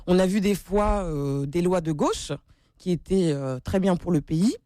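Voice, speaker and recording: A woman's voice: lowish voice, animated, a little slow, dark tone, dry recording, studio quality. A woman, a political candidate, answering questions in a radio interview, earnest and at times hesitant with fillers. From Senegalese heritage.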